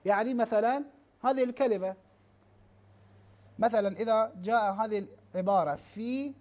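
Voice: mid-range voice, darkish tone. A teacher giving a classroom lecture, often stopping to ask the class questions and restarting words as he or she lists terms. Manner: asks rhetorical questions and checks in with "ha?"; halting, restarts words, spells out lists slowly.

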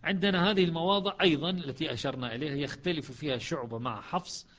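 Man, recitation teacher, slow chanted verses, brisk explanations, dull lo-fi audio. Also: fairly high pitch, fairly bright tone. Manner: chants verses slowly between quick spoken explanations.

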